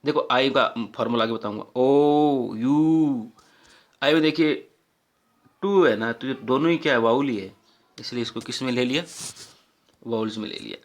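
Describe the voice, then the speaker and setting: A man's voice: medium pitch, brisk, pauses often, a bit bright. A man teaching a casual phonetics lesson, patiently explaining and repeating vowel sounds aloud.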